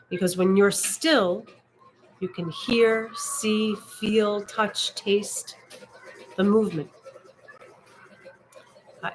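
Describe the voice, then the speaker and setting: A woman gives a reflective spiritual lesson at a medium pitch, pacing her words slowly and pausing often. She talks the listener through breathing in a calm, contemplative way. A faint bed of ambient noise sits under her voice in the room. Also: rough recording. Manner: unhurried and contemplative, guiding breathing pauses. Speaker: meditation and Taoism teacher. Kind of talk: reflective spoken teaching. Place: indoor room.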